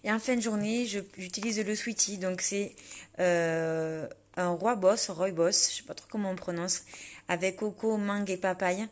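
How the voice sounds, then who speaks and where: A woman chatting casually to camera about her day, relaxed and full of fillers. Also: mid-range voice, moderate pace. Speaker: vlogger preparing for a fitness competition. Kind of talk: casual vlog narration.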